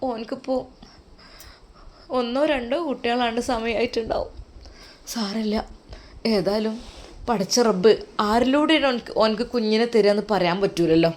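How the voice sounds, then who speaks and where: A woman's voice: a little high, normal speed, long pauses, natural voice. Doting older mother, voiced by a woman. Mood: prayerful. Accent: Malappuram Malayalam. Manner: doting, endearments, worried advice. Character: fussy loving older mother, pious.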